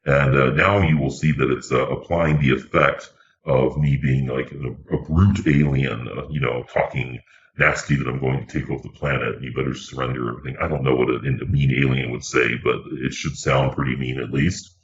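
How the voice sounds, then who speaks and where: A man's voice: extremely low pitch, fairly even intonation, normal speed, slight background noise, voice pushed down. A man speaking through a voice-changer filter that turns him into a mean brute alien, rambling and halfway joking. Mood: offhand. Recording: dull lo-fi voice-changer output.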